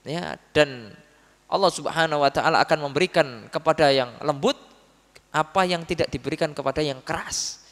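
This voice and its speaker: A man giving a religious study talk, telling stories with lively acted quotes and often addressing his listeners as "Pak". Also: on the high side, moderate pace. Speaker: preacher. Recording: long hall reverb.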